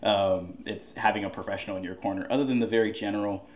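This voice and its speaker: A man's voice: fairly low pitch, fairly even intonation, quick pace. A man hosting a casual interview, conversational and a bit sarcastic, with many fillers.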